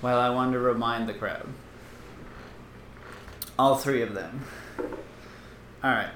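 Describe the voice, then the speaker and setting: A man's voice: mid-range voice, takes it slowly, fairly bright tone, slight background noise. Male podcast co-host, whiny, rambling with fillers; roomy recording. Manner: rambling, joking, lots of fillers. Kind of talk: casual podcast chat.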